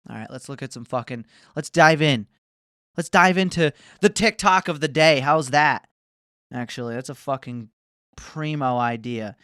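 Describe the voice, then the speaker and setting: This profane, rambling vlogger in his twenties talks to camera at normal speed, cursing a lot and slipping into mocking tangents. His mid-range voice is clear, resonant and fairly bright, in a studio-quality recording without echo.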